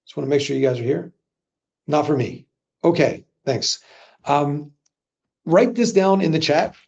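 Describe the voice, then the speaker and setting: Male sales trainer, fairly high, mellow voice, casual and energetic, muffled webinar audio. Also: a little slow, creaky. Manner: energetic, conversational, acts out customer dialogue. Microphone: video call.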